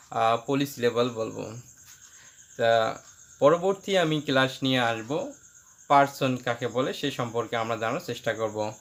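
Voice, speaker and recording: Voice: medium pitch, rough recording. A teacher gives an online lesson, repeating each phrase and breaking words into their parts. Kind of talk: online lesson, slow spelling-out.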